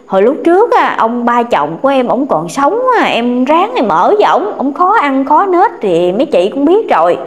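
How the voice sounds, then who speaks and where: A woman's voice: high voice, very animated, normal speed, hardly any pauses. A woman voicing a weary middle-aged daughter-in-law who laments to her neighbors. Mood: lamenting.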